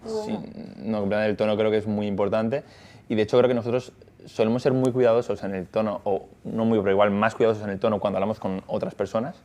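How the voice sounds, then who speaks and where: A man's voice: on the low side, fast, a little mellow. A man talking casually about work and family, with many hesitations and restarts. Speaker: factory worker and father. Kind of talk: casual conversation.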